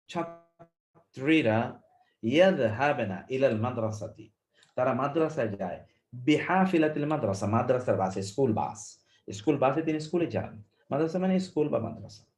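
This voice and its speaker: A man's voice: mid-range voice, darkish tone. Man teaching Arabic word by word. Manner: reads Arabic phrases, then explains them word by word; asks rhetorical questions to the class. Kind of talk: recorded class lecture.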